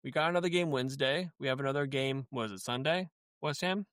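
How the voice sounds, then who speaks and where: A man's voice: mid-range voice, fast talker, fairly bright tone, clear, resonant tone, no room sound, clean studio sound. A man co-hosting a casual podcast, chatty and wry with a glum edge, often trailing off into fillers. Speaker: podcast co-host.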